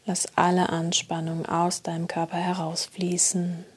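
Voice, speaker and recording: A woman guiding a sleep meditation in a soft, soothing, breathy spa-like whisper, unhurried. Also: lowish voice, monotone. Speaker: guided meditation narrator.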